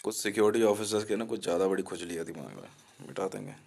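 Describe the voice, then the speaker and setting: A man's voice: deep voice, fast, creaky, a little mellow, slightly rough. A man delivering a threatening, abusive rant to the camera in an aggressive, mocking manner.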